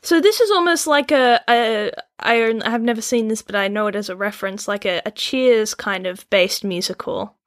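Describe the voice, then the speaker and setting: A woman co-hosting a casual comedic chat, playful and quick to laugh. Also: fairly high pitch. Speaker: co-host.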